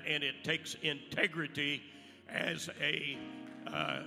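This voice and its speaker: Raspy, slow-paced preacher man in a reverberant hall. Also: on the high side, pushed and bright. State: hoarse from allergies. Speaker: pastor preaching to a congregation. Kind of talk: church sermon with Bible readings and prayer. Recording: reverberant hall, faint music.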